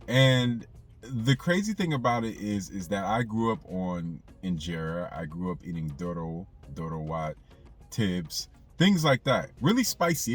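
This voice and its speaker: Male food vlogger, husky and low-pitched, chatty and loose, with faint music underneath. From United States. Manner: chatty, tags lines with "right?" and "you know". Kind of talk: casual vlog talk to camera.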